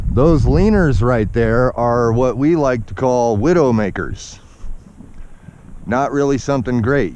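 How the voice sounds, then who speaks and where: Hiking up a snowy, wooded mountain, this outdoor vlogger talks viewers through the trail in a relaxed, homespun, instructive way, his low-leaning voice somewhat winded. The body-mounted action cam leaves the audio muffled and dull, mixed with outdoor noise.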